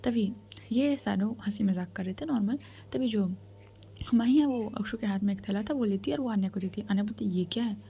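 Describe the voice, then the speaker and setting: A woman's voice: mid-range voice, fairly quick, vocal fry, warm tone, breathy edge. A woman storyteller narrating a romance in a chatty whisper, often calling her listeners bhai.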